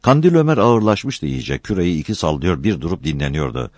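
A man with a deep voice reads a novel aloud in steady audiobook narration. His delivery is lively and expressive. The recording is dry and close. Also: a little fast, dry recording. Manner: steady storytelling.

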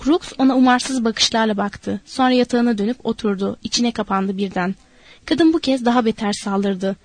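A woman reading a novel aloud in a measured, expressive narration. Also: fairly high pitch, dry recording.

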